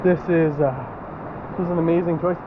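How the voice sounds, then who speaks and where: A man's voice: on the high side, flat delivery, phone-quality sound. A man chatting casually and profanely as he vlogs an outdoor adventure, full of exclamations. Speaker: vlogger. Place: outdoors at a rocky river and cave. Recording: loud rushing water noise, outdoor handheld recording. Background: loud rushing water.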